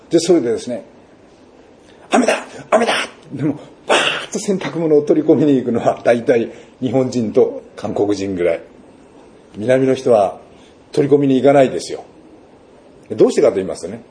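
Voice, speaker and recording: Mellow-voiced man preaching with lively storytelling. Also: mid-range voice. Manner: storytelling with vivid sound words and rhetorical questions. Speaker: pastor. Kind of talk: sermon.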